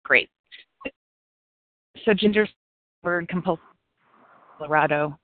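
A woman calling into a phone meeting, her line breaking up so words cut in and out, halting and asking if she can be heard. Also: fairly low pitch, no echo. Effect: phone line breaking up, words cutting in and out. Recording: tinny, dry phone line with dropouts.

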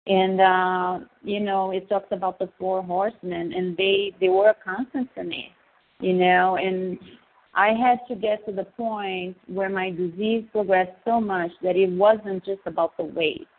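A woman's voice: mid-range voice, steady tone, a little slow. A woman sharing personal experience on a group call, earnest and emphatic, peppering her talk with filler phrases. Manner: earnest, emphatic, says "you know" often. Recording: thin phone line.

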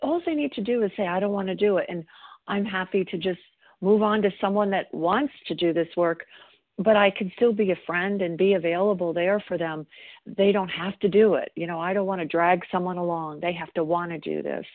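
A woman with a slightly low voice shares personal reflections in plain conversational speech. The sound is dry and narrow, like a phone line. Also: a little fast, no room sound. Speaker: member sharing at a recovery meeting.

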